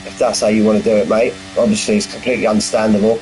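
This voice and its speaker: Commentating live on an online racing league, this man talks to the drivers like friends, addressing them as mate, lad and bud. His voice is low-ish, level, slightly mellow and racing along, with faint music behind on a low-quality recording.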